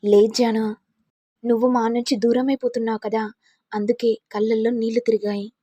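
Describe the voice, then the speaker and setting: A woman voicing a heartbroken young man who speaks tearfully and haltingly. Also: a little high, flat delivery, mellow, no room sound, dull audio, close to an everyday voice. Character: young man grieving for his love, tearful.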